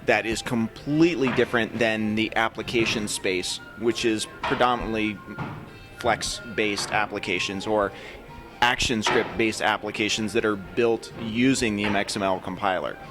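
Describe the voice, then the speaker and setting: A man's voice: lowish voice, steady tone, normal speed, music in the background. A man in casual podcast chat, explaining a technical point at length and restarting his sentences often.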